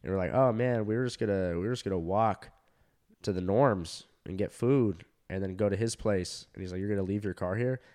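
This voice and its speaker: A man who does stand-up telling a long story in casual chat, full of fillers, swearing and animated quoted voices. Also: on the low side, brisk. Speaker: stand-up comedian.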